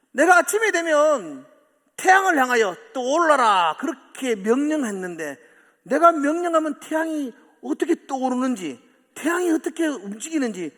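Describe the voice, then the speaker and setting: A man's voice: very high-pitched, fairly bright tone, voice pushed up, full character voice. A male preacher voicing God as a commanding, majestic figure who fires rhetorical questions, heard with long church hall reverb.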